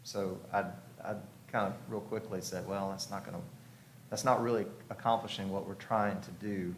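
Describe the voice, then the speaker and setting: A house designer with a lowish voice and level tone speaks at a moderate pace, giving an informal explanatory presentation to a review commission at a public hearing. He's conversational and thinks aloud as he goes. The room is echoey, with clearly audible background noise.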